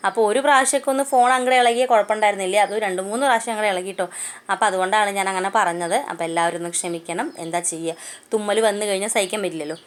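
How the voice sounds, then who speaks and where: A fast-talking woman with a Malayali accent walks viewers through a home recipe in a chatty, homely way, sprinkling friendly asides through her steps. Her voice sits at a middle pitch, and she is recorded on a phone in her home kitchen. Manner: chatty, homely, keeps adding "kettō" asides. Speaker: cooking channel host. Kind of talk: casual cooking vlog narration.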